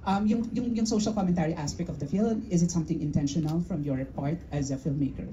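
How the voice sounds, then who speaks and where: A woman with a Filipino accent asks questions at a film press conference, mixing English and Filipino with fillers. Her voice sits low and very dark, with a dull, lo-fi sound. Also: fast, slight background noise. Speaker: entertainment reporter.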